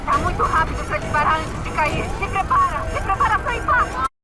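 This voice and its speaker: An actress playing a female military pilot who shouts urgent calls over a cockpit headset radio as her aircraft goes down. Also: extremely high pitch, lively intonation, brisk, over a noisy crowd. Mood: panicked. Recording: distant voice under loud music and din.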